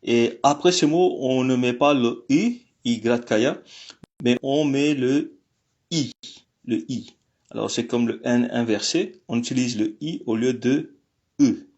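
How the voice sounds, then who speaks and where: Slow, halting man teaching a lesson. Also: medium pitch, a little mellow, lo-fi sound. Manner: halting, many fillers and restarts; apologetic about technical glitches. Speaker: language teacher. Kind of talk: online language lesson.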